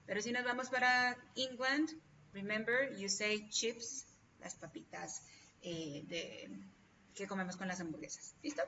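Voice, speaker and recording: A woman's voice: medium pitch, normal speed, bright, forceful tone, a little hiss or hum. A Spanish-speaking woman teaching an online English class, encouraging and often checking in with "ok?". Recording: dull lo-fi video call audio, distant from mic.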